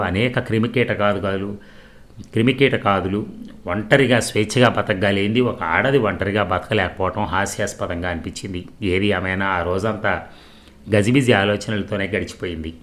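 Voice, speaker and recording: Man, storyteller, scripted novel narration, low voice, steady measured pace.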